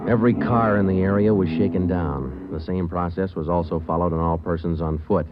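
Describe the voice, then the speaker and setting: In a muffled 1940s radio broadcast with music, an actor plays a terse, calm, methodical police sergeant who narrates the case as narrator and detective in a flat, clipped, matter-of-fact manner. His male voice sits low, moves a little fast, and sounds close to everyday speech.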